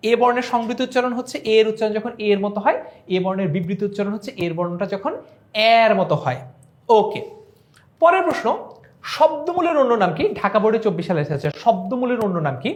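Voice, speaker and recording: A woman with a Bangladeshi Bengali accent teaching an online exam revision class, explaining step by step and asking and answering her own questions. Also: mid-range voice.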